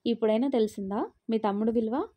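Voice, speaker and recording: A woman voicing a gentle, caring young husband in a spoken story. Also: on the high side, fast talker, natural voice. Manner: gentle, coaxing.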